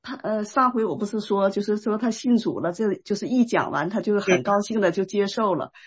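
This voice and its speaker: A woman telling a personal faith testimony in a casual, animated way, with many fillers. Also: mid-range voice, a little fast, breathy edge. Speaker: guest sharing a testimony. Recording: dull lo-fi sound.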